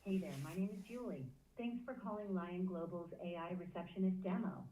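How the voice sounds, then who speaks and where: A woman's voice: lowish voice, brisk, dark tone, slight background noise. A synthetic female voice acting as a receptionist, heard over a phone line and speaking in friendly, scripted assistant phrases. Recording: tinny phone line played through a speaker.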